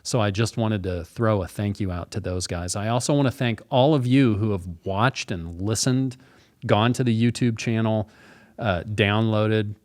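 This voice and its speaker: A man's voice: on the low side, steady tone, normal speed, a little mellow, no echo, studio quality. A man co-hosting a podcast in casual chat, earnest and rambling with frequent restarts. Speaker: podcast co-host.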